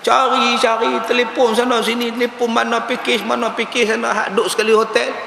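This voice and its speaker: Animated preacher in an echoey hall. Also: male voice, very high voice, fairly quick, gravelly. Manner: animated storytelling with acted-out quotes. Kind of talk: lively religious lecture. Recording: echoey hall with faint hiss.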